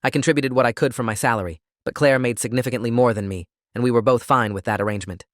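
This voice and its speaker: A man narrating a scripted first-person story in a steady, even reading voice. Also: mid-range voice, fast, no room sound, clean studio sound.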